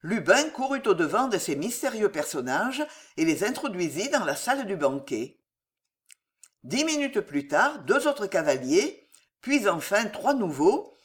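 A reader giving measured, expressive narration of a historical novel. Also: medium pitch. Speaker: audiobook narrator.

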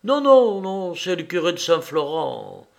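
A man voicing an excitable rich countess who gushes in loud, high exclamations. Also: unhurried, vocal fry, full character voice. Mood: excited. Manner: gushing, exclamatory. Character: excitable rich noble countess, middle-aged woman.

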